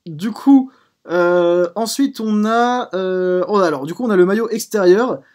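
A man's voice: high voice, a little slow, a little mellow. A man hosting a live stream, chatting casually and drifting into digressions. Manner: rambling, prone to digressions. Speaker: streamer host.

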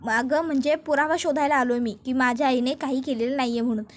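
Brief: stubborn young hero, a woman storyteller doing him, insistent, plain high voice. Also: fairly even intonation, fast, lightly acted. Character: stubborn young man, proud, defending his mother.

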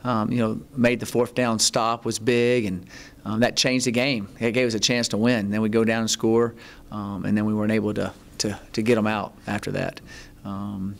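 A middle-aged man, a head football coach, answering reporters at a postgame press conference, halting, with many ums and restarts. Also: fairly low pitch, level tone, vocal fry. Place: press conference room, seated at table. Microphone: table mic in front.

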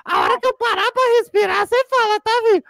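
A woman's voice: extremely high pitch, fast, gravelly, fairly bright tone, full character voice. A woman voicing a chatty, greedy, dramatic old grandmother with a Brazilian accent, who ends nearly every sentence with "filho". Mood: nagging. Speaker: family channel player. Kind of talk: gameplay role-play.

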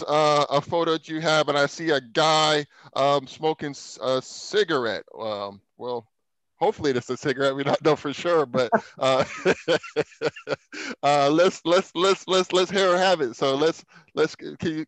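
A man's voice: on the high side, moderate pace, fairly bright tone, no room sound, poor audio. A man hosting a podcast interview, casual and encouraging, often calling his guest "man". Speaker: podcast host.

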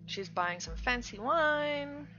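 A woman's voice: sits high, lively intonation, slow. A young woman hosting a game let's-play, chatting casually and with amusement as she reads the in-game chats aloud, on a slightly dull recording with faint music. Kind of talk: casual gameplay commentary.

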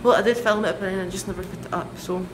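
Young adult woman, mid-pitched voice, informal rambling vlog chat, self-questioning, echoing indoor recording. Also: fairly even intonation, fast. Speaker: vlogger. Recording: echoey room with loud background noise.

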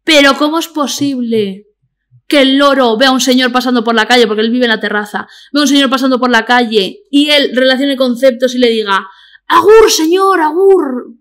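A woman guest on a chat podcast, telling stories in a blunt, sarcastic, rapid-fire way. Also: high-pitched, fairly bright tone. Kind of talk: casual chat.

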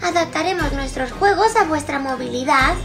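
A woman with a Castilian Spanish accent voicing excitable little girl princess dolls in a dramatic, childlike children's play story. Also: sits high, moderate pace. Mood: cheerful. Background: background music.

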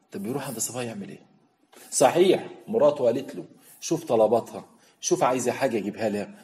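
A man's voice: medium pitch, warm tone. A man with an Egyptian Arabic accent, hosting a show and telling a listener's story with emphatic, indignant rhetorical questions. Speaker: show host. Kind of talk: storytelling commentary.

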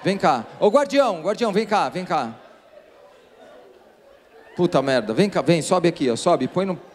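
A man hosting a live comedy hypnosis show, loud, swearing and calling out to the audience on stage. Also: a little high, lively intonation, normal speed. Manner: loud, swearing, calls out to the crowd. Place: theater stage. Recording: echoey theater with faint noise.

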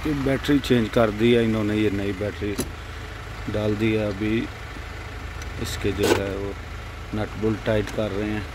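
A man's voice: fairly low pitch, flat delivery, measured pace, pauses often, noisy background. A young man vlogging casually at night by a roadside, showing things to the viewer on a handheld phone. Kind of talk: casual vlog narration.

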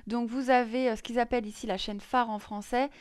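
Woman walking through crypto news on screen, smooth clear voice, dry close sound, lots of little pauses. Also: fairly high pitch, fairly even intonation, no echo. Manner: many fillers and restarts, chatty. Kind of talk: casual screen-share explainer.

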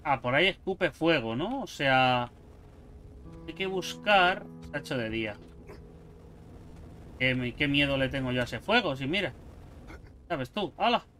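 A young man giving jokey, excitable commentary while playing a survival game, yelping at sudden scares. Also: medium pitch, a little slow, pauses often, soft background music. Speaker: gaming YouTuber. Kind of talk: gameplay commentary.

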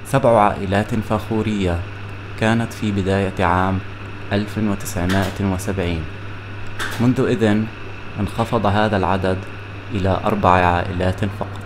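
A man reading a scripted documentary narration in formal standard Arabic, measured and even. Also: low voice, noisy background.

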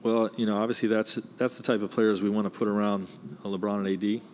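A man in his forties, a basketball head coach, answering press questions in a measured way with many "you know" fillers, on a desk mic in a press room. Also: on the low side, flat delivery, darkish tone, a little hiss or hum. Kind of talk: postgame press conference answers. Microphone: desk mic, close.

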